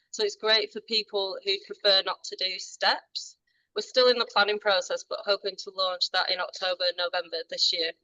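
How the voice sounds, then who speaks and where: A woman with a bright, forward voice gives a polished, chatty promotional pitch. The sound is dry and close, with no room echo. Her pitch sits in the middle range for a woman. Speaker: business member pitching tours. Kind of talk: short networking pitch. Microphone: video call.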